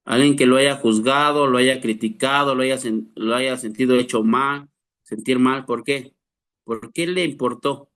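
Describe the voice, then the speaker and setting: A man's voice: medium pitch, unhurried, a bit bright. Earnest man preaching. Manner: earnest preaching with rhetorical questions and mimicked voices. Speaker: pastor teaching a class. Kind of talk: sermon.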